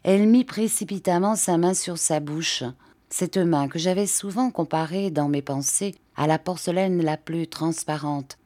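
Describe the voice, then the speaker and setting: A woman narrating a classic novel as an audiobook, reading in a steady, measured way. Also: deep voice, no echo.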